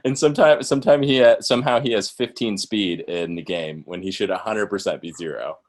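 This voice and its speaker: A man co-hosting a fantasy baseball podcast, chatting casually and relaxed. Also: fairly low pitch, fairly quick. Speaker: podcast co-host.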